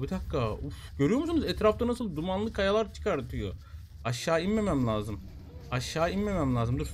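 Young man, gaming commentary, jokey, excitable, quick exclamations, highish voice. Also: slight background noise. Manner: jokey, exclaims and yelps at the game; repeats short phrases. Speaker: gaming YouTuber. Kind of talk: excited Let's Play commentary.

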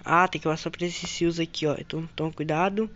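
A man with a Brazilian Portuguese accent doing let's-play commentary, excitably narrating his own moves to viewers and repeating phrases over and over. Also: on the high side, fairly quick, dull audio. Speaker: gaming channel host.

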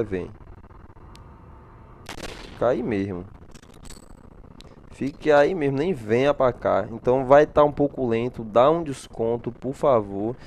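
A man's voice: mid-range voice, a little mellow. A man hosting a casual narrated gameplay video, chatting to his viewers and answering his own questions. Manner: chatty, talks to himself in a back-and-forth, blesses viewers. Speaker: gaming channel host.

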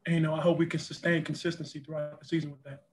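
A young man, a college basketball player, fields post-game press questions over a video call from an indoor press backdrop room. His voice is fairly high and flat, and he speaks rapid-fire, earnest and full of "you know" and repeated words.

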